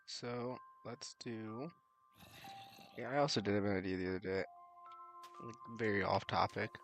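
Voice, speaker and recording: A man chatting casually while streaming a building game, relaxed and rambling, his voice slightly worn. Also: on the low side, moderate pace, music in the background. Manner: relaxed, rambling, laughs softly to himself. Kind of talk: casual live-stream chat. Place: at home late at night. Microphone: desk mic with cord.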